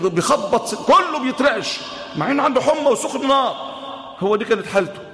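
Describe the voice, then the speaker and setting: A man with an Egyptian Arabic accent preaching a sermon, telling a story with lively rhetorical questions to the audience. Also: extremely high pitch, quick pace. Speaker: imam and preacher. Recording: echoey hall with long reverb.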